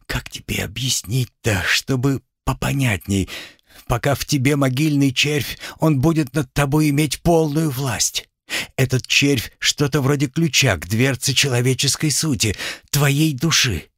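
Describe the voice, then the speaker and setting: A man voicing an anxious, tender young witch who pleads in an urgent, hushed way. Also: mid-range voice, a little slow, no echo, clean studio sound, voice pushed up.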